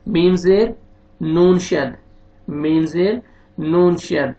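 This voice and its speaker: A man leads a beginners' Quran reading lesson at a deliberately slow pace, sounding out each letter and vowel mark in turn. Between the drills he drops into quicker, softer asides on the rules. The recording sounds dull and lo-fi, like online class audio. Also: fairly high pitch. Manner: spells letters and vowels slowly, then explains rules in quicker, quieter asides. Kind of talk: slow spelled-out recitation lesson.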